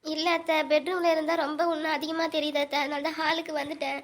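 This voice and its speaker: A high, quick voice belongs to a whiny young daughter-in-law, played by a woman. She pleads and complains in a homemade comedy skit. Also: level tone, slight background noise, natural voice. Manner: pleading, repeating "aunt" in every line.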